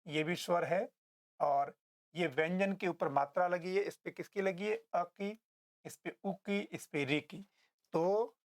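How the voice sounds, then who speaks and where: A man's voice: a little high, vocal fry. A man teaching a Hindi class as a lecture, who often tells students to pay attention and answers his own questions. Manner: repeats "ध्यान देना", asks and answers his own questions.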